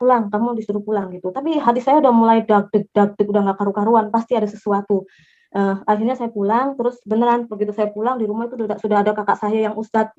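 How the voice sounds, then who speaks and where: A woman from Java earnestly telling her personal faith testimony in an animated way. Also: medium pitch. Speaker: testimony speaker. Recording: dull lo-fi recording.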